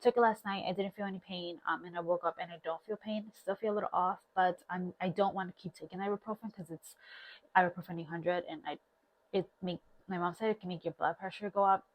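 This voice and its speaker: A woman's voice: lowish voice, fairly even intonation, fast talker, rough recording. A woman in her thirties chatting informally to viewers in a meandering way, as a stay-at-home mom vlogger on a clip-on mic. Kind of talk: casual vlog chat to viewers. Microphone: clip-on lapel mic.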